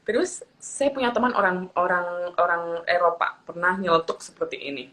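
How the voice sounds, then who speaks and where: A woman's voice: on the low side, expressive, moderate pace, fairly bright tone, low-quality recording. A young woman from eastern Indonesia, a guest telling personal stories in a casual interview, earnest and repeating her phrases as she goes. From Papua, eastern Indonesia. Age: young adult.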